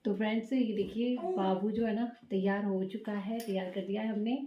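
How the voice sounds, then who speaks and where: A woman's voice: mid-range voice, fairly even intonation, normal speed, highs cut off. A woman and mother giving a chatty, instructive how-to while bathing a baby at home, talking to viewers as friends. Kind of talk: casual how-to demonstration. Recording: loud background noise and baby crying. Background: a crying baby.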